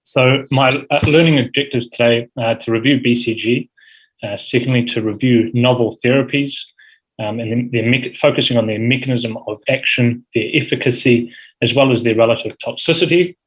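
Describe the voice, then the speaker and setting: On a rough recording, a New Zealand–accented man in his thirties presents a grand rounds talk as a urology fellow, often saying um and uh during the academic presentation. He speaks at a normal speed in a medium-pitched voice with a breathy edge.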